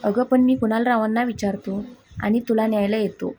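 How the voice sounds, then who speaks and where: A woman reading the lines of a gentle, caring middle-aged father, in a husky voice. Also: fairly high pitch, fairly even intonation, moderate pace. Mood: reassuring.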